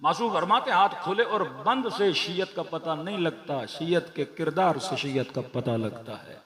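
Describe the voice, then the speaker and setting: A man's voice: on the high side, animated, a little slow. A man with a Pakistani Urdu accent preaching a majlis sermon to a congregation, declamatory, with rhetorical questions and rhythmic repeated lists. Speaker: Shia preacher. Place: large prayer hall with a gathered audience. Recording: echoey hall with crowd sounds.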